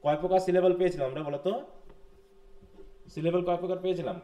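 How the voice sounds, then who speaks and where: Man, fast lecture pace, slightly high voice, live online class, quizzing students. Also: fairly even intonation, dark tone. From Bangladesh. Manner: questions students, mixes English terms into lecture, mildly scolding. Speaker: English literature teacher.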